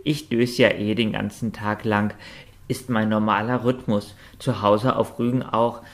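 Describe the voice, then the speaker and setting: A man's voice: fairly low pitch, little pitch movement, unhurried. Guy voicing a chill chatty lady dragon, audiobook style. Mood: easygoing. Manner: easygoing colloquial chatter. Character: female dragon, big, laid-back, cheerful.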